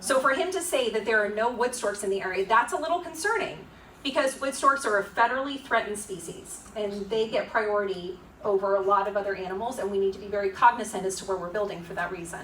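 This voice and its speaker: A woman's voice: medium pitch, quick pace, fairly bright tone. A woman with a Florida accent giving an informal, explanatory presentation at a community meeting, with a conversational, wryly critical manner. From Florida, United States. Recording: echoey room, distant mic, faint noise.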